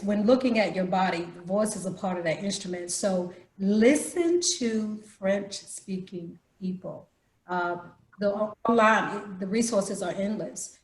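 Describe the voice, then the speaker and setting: A woman theater teacher leading an online acting workshop over a video call, talking in an animated way. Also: medium pitch. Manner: animated, demonstrates voices. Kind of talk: online badge workshop talk. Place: home room. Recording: roomy echo.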